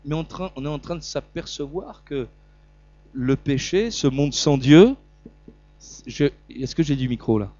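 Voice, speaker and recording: A middle-aged man with a southern French accent preaching a sermon, stumbling and repeating words, swinging between loud emphasis and quiet asides. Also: fairly high pitch, animated, unhurried, no echo, highs cut off.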